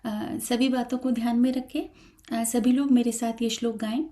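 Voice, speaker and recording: A woman teaching Sanskrit verse recitation in an online chanting lesson, explaining slowly and carefully with frequent hesitations. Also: a little high, little pitch movement, mellow. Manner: switches between talk and slow sung chanting.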